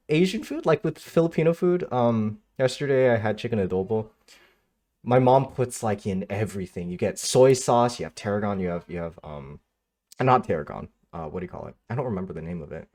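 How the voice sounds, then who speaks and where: A livestreamer from Michigan in the United States talks casually and candidly to his chat in a mid-range, darkish voice. He swears now and then and answers comments as they come in.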